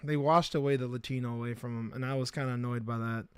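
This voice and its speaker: A man's voice: mid-range voice, steady tone, quick pace, crowd noise. A man chatting casually about comic movies, enthusiastic and blunt with his opinions. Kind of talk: casual chat.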